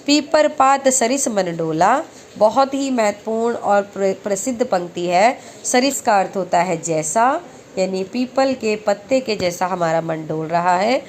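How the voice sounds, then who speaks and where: A woman teaching exam-prep lessons who recites verse slowly and then explains each question step by step. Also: mid-range voice, lively intonation, a little mellow, a little hiss or hum.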